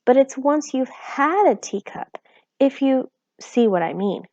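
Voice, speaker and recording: Homily, a worried tiny borrower mother, frets and scolds in a high, quavering voice that keeps threatening to tip into tears, read out by a woman. Her voice is dry and up close, but the recording sounds a little dull and lo-fi. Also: animated, unhurried, dark tone, no echo, heavily acted. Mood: fretting.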